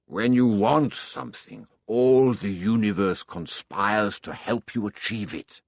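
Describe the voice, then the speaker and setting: A man voicing a slow, solemn old king. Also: fairly low pitch, vocal fry, no room sound, studio quality, exaggerated voice. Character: wise old king, male, calm and mysterious.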